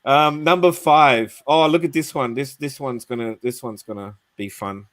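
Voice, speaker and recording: A man's voice: mid-range voice, moderate pace, dry recording. Rambling man, dry close sound. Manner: rambling, swears freely, many fillers and restarts. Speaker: podcast host. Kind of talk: casual chat and reading out facts.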